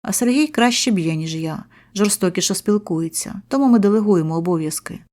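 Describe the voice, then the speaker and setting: A woman's voice: medium pitch, lively intonation, a little fast, dark tone. A woman reading a first-person horror story in short, tense sentences. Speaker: narrator. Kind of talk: scripted horror story narration.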